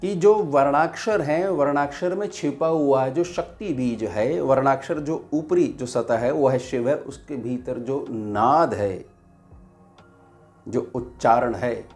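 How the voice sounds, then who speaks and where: A man, a spiritual teacher, giving a devotional teaching talk in a slow, measured way with pauses. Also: mid-range voice, darkish tone, faint music behind.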